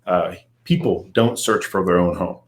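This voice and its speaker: A low-pitched man speaks as a guest in a casual business interview. He explains at length in a relaxed way, filling pauses with "um" and "you know". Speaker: guest, company CEO.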